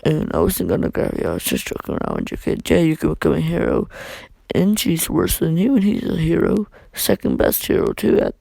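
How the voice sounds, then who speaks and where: Fan narrator doing male hero, gravelly, deep, joking manner, dry sound. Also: wildly swooping pitch, a little fast, dark tone, dry recording, exaggerated voice. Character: burly adult male hero, easygoing and teasing. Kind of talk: fan fiction storytelling.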